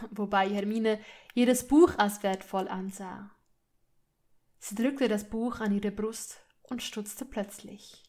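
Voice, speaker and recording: Slow, measured woman narrating a story. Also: medium pitch. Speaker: audiobook reader. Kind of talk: scripted narration of fan fiction.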